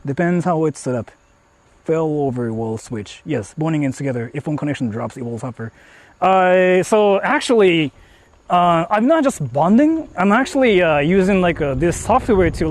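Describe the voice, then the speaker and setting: A man with a fairly high voice live-streams from a phone held in hand while moving through the countryside, rambling to chat with plenty of fillers as he explains his tech setup. A little hiss or hum is audible.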